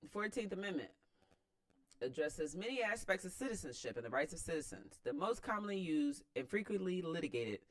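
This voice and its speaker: Speaking fairly quickly in a slightly high, very animated voice, an American man provides opinionated, casual commentary as a read-aloud host. He's slangy and emphatic, often repeating phrases to drive points home.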